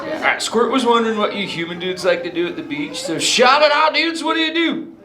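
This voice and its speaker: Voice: medium pitch, expressive, a little fast. A performer voicing a laid-back surfer-dude male sea turtle who chats with a live audience in drawling surfer slang, playful and teasing. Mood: hyped. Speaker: live show character talking with audience. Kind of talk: improvised live audience interaction. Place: indoor theater with live audience. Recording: echoey theater with loud crowd noise.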